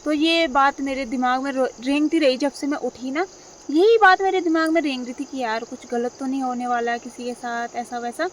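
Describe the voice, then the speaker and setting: High-voiced young woman vlogging casually. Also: steady tone, moderate pace, a little hiss or hum. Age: young adult. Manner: rambling, repeats herself, many fillers. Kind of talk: casual talk to camera.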